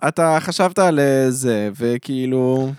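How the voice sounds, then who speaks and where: A man's voice: medium pitch, a little mellow, clear, resonant tone, no room sound, clean studio sound. A man co-hosting a podcast, chatting casually, candid and joking at his own expense. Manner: candid, self-mocking humor. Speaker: podcast co-host. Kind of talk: casual chat.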